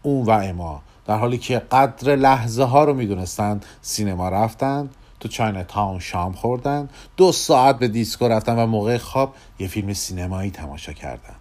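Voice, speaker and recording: A man narrating a story in an expressive, lively reading style. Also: fairly low pitch, hardly any pauses.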